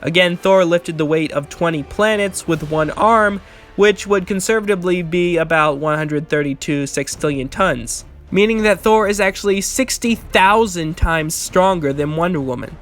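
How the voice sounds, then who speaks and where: A man's voice: high voice, moderate pace, fairly bright tone. A man delivering scripted rebuttal commentary in an argumentative, corrective, matter-of-fact way. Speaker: video essayist and commentator.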